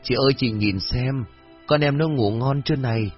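A man's voice: mid-range voice, moderate pace, pitched above the performer's own voice, lightly acted. A man voicing a deranged young mother who coos to an empty blanket, in an eerie sing-song way. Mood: eerie cooing. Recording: dull lo-fi audio with faint music.

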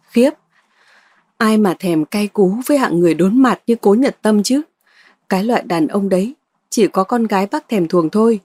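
A woman voicing a bold, sharp-tongued young woman who trades scornful retorts. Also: mid-range voice, animated, normal speed, husky, no echo.

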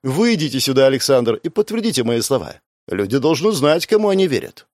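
A man's voice: medium pitch, big pitch swings, brisk, a little mellow, no echo, clean studio sound, voice pushed up, close to an everyday voice. A man voicing a cool, ruthless woman first mate who addresses a crowd firmly. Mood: commanding.

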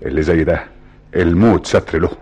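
Cold, bitter middle-aged Egyptian father, very deep and husky, brisk delivery, radio drama. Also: darkish tone, muffled recording. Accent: Egyptian Arabic.

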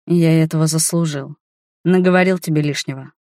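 A woman voicing a gentle, shy wanderer man who talks softly and tenderly to his beloved in an audiobook. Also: on the high side, fairly even intonation, a little fast, dry recording, studio quality, lightly acted. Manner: soft, tender and reassuring. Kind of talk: audiobook character voice.

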